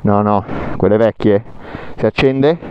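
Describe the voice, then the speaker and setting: A man's voice: on the low side, a little slow, highs cut off, a crowd in the background. A man chatting casually for a motorcycle vlog from inside his helmet, thinking aloud as he goes. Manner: thinking aloud while riding and fixing the bike. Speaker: motorcycle vlogger. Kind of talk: casual riding vlog chat. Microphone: helmet microphone. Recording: helmet mic, clear outdoor engine noise.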